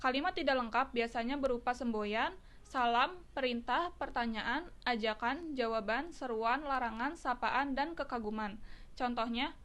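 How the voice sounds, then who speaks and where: Brief: woman student presenter, slightly high voice, steady list-like reading. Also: normal speed.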